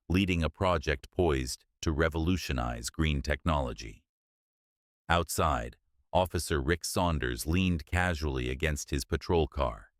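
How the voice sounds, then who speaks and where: A man narrating a scripted story in a steady, measured way. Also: very deep voice, dry recording, studio quality.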